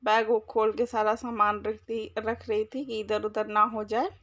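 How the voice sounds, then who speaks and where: A woman's voice: mid-range voice, level tone, unhurried, a bit bright, dry recording. A woman in her thirties narrating her day with her daughter as a casual family vlog voice-over. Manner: chatty, narrating daily life to viewers. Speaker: family vlogger.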